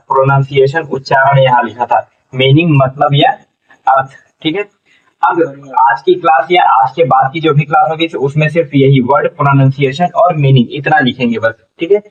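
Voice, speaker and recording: Slow, repeating male teacher, distant mic. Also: mid-range voice. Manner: slow, spells out syllables, repeats questions to students. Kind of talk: classroom phonics lesson. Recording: dull lo-fi sound from a distant mic.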